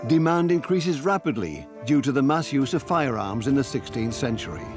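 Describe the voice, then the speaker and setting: A man's voice: medium pitch, very animated, moderate pace. Male documentary narrator over prominent music.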